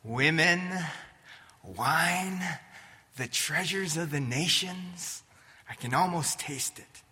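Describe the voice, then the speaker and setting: An impulsive fisherman disciple, excited and disbelieving, as a preacher acts him out. He speaks slowly yet brightly, with a forceful, raised pitch. His voice rings through a big reverberant hall. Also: heavily acted. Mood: giddy. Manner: excited, boastful, incredulous. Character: eager impulsive male fisherman disciple, daydreaming.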